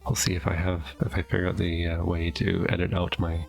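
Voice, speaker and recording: Speaking a little fast in a deep, gravelly voice with little pitch movement, a middle-aged let's play host casually thinks aloud about his gameplay from his home basement. His nose is stuffy and he sniffles, and he is hesitant and self-correcting. Soft background music plays.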